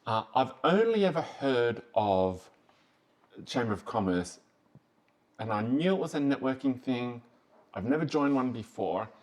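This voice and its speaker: A man's voice: mid-range voice, very animated, measured pace. A man with an Australian accent co-hosting a casual podcast chat, talking in a loose, chatty way with fillers and easy laughter. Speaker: podcast co-host. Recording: echoey room.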